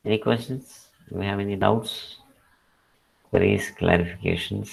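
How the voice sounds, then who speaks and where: A man with a Malayali English accent giving an online lecture, explaining slowly with many fillers and switching into Malayalam. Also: fairly low pitch, fairly even intonation, gravelly. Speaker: English teacher.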